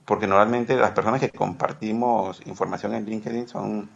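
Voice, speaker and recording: A man's voice: on the low side, fairly even intonation, moderate pace, vocal fry, lo-fi sound, noisy background. A man from Peru, a podcast guest who rambles, corrects himself and laughs easily. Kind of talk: casual podcast interview.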